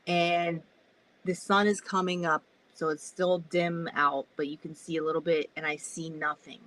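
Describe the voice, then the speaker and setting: A woman's voice: on the low side, measured pace, low-quality recording. A woman vlogging from a camper, telling a story casually, swearing often and acting out her own reactions. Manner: animated, swears a lot, acts out her reactions. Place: inside a camper.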